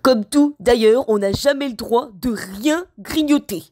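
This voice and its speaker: A woman puts on a cheeky male bulldog who drawls his way through a comic voice-over, slow and sarcastic, and pitched a little high. He teases and insults his owner as he goes. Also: a little mellow, close to an everyday voice. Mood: mocking. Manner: slow, sarcastic, teasing commentary.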